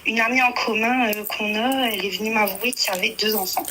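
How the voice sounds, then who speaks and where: A young woman calling a radio show, shaken and hesitant, halting with many fillers. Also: a little high, steady tone, noisy background. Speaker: caller. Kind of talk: phone-in confession.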